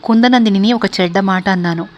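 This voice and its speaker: A woman voicing a grieving, dignified wife in a read-aloud story, speaking softly and pleadingly. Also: medium pitch, brisk, lightly acted.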